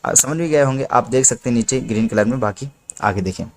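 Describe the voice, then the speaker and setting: A man's voice: medium pitch, brisk. A man teaching Quran reading step by step, patiently explaining each rule and drawing out the letter names as he recites them.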